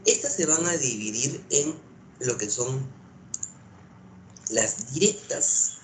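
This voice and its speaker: A man's voice: medium pitch, lively intonation, takes it slowly, heavy background noise. A man teaching a language class, repeating each point and asking rhetorical questions. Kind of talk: lively classroom lecture. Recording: echoey room.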